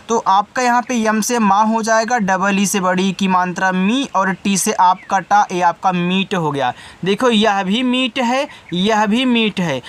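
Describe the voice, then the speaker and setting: An English teacher with a high voice runs an online spelling lesson for his students, addressing them directly. He patiently spells each word letter by letter, explains what it means, and fixes his own slips as he goes.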